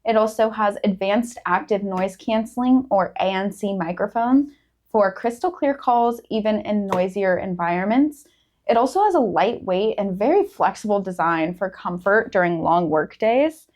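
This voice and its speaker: A woman's voice: medium pitch, animated, moderate pace, a little mellow. A woman hosting a product review in a casual presenting style.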